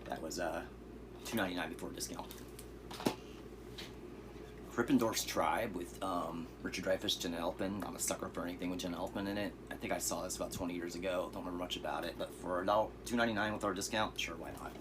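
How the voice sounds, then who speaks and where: A vlogger with a very low, hoarse voice talks fast through a stack of cheap movies he thrifted. It's a casual, relaxed ramble full of fillers and asides, with steady noise clearly audible in the background.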